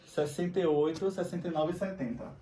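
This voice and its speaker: A man's voice: fairly high pitch, fairly quick, dark tone, distant mic. Brazilian male teacher in an echoey room. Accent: Brazilian Portuguese. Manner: patient, repeats and checks in with students. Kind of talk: recorded grammar lesson. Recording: echoey room, voice away from mic.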